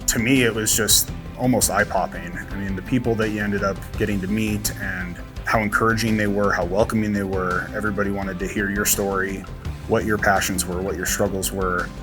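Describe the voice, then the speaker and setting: A man's voice: fairly low pitch, steady tone, a little fast, music in the background. A young man talking in an interview. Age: young adult. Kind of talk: interview talk.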